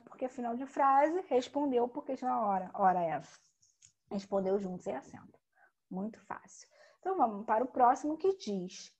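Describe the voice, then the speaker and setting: Leading students through a grammar lesson, a woman teacher speaks in a somewhat husky, slightly mellow voice that sits a little above average in pitch. She goes over each rule slowly and emphatically, checking in frequently with quick tag questions.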